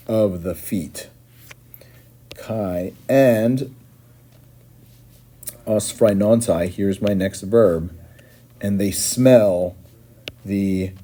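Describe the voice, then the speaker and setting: A man's voice: on the low side, mellow. A man teaching and patiently explaining as he translates line by line, often checking in with "right?".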